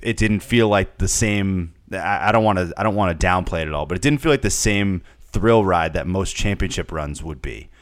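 Man, deep voice, podcast co-host, rambling sports chat, lots of fillers, dry close sound. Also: normal speed, hardly any pauses, dry recording. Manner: rambling, repeats words, many fillers.

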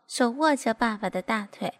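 A woman reading a first-person story aloud at a smooth, even pace. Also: on the high side, normal speed.

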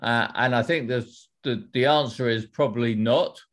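Speaking at a medium pitch, this middle-aged author and ex-executive responds to an interviewer with careful explanations, frequently starting over mid-thought.

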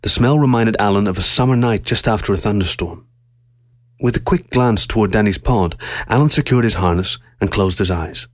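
Low-voiced man reading a story. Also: no echo, clean studio sound. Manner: steady, measured storytelling. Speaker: narrator. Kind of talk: audiobook reading of a science-fiction story.

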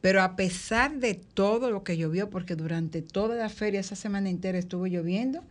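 A woman's voice: medium pitch, fairly quick. A woman with a Dominican accent, hosting a radio panel and chatting casually in colloquial speech, stretching words for emphasis. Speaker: radio show host.

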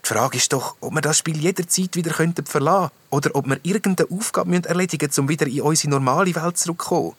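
A man's voice: a little high, fast, few pauses, a bit bright, husky, dry recording, pitched above the performer's own voice. A man voicing a thoughtful young boy knight who ponders aloud, in a storybook reading.

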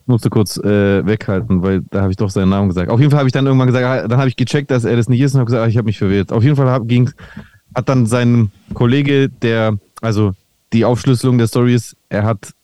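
A man's voice: medium pitch, fast, dark tone, no room sound. A man chatting casually on a podcast, telling a meandering anecdote with lots of restarts. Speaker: podcast host.

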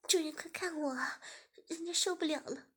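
A woman voicing a coy young woman who pleads and whines in a high, breathy voice. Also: normal speed, pushed and bright. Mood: coy pleading.

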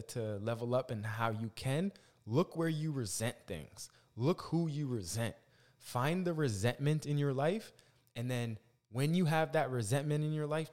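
A man hosting a podcast in a casual motivational monologue, using Rasta-influenced slang, reflective and repeating phrases for emphasis. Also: medium pitch. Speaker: podcast host.

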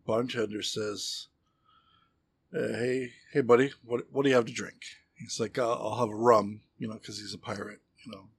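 A husky, slightly rough-voiced man co-hosts a comedy podcast in a loose, chatty way. He stretches his jokes out, stalling on fillers and restarting his sentences as he goes. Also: on the low side, fairly even intonation, normal speed. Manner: rambling joke-telling with many fillers and restarts. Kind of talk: casual comedy podcast chat.

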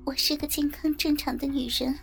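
Bashful young woman read by a woman, high and gentle, coy breathy delivery. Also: level tone, moderate pace.

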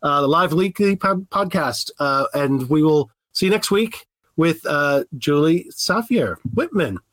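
A man's voice: fairly high pitch, animated, measured pace, fairly bright tone, no echo. Male interview host, wheezy voice, conversational delivery, close dry sound. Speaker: podcast host.

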